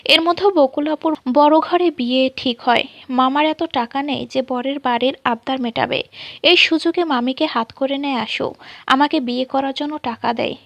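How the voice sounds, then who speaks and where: A woman's voice: sits high, moderate pace, vocal fry, fairly bright tone, dry recording. A woman voicing a frightened young bride who has fled her wedding, telling her story plainly and pleading for shelter.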